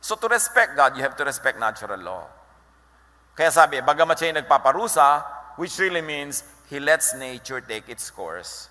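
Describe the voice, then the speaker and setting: A male pastor preaches with animated energy, moving freely between Tagalog and English and quoting scripture. His voice is bright and forward at an ordinary pitch. A long hall reverb trails behind every phrase. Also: a little slow. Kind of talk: sermon.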